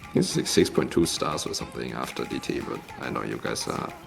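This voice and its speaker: A very low, creaky male voice with a cave-like echo from an empty meeting room. He hosts a gaming showcase with casual, informal live commentary, his pitch moving around a lot. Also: expressive, quick pace. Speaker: host of a tournament mappool showcase. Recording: echoey empty room, music behind.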